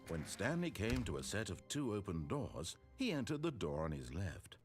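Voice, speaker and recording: Wry narrator type, low voice, very lively lilt, measured storybook telling, music under it. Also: male voice. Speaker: game narrator. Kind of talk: scripted narration.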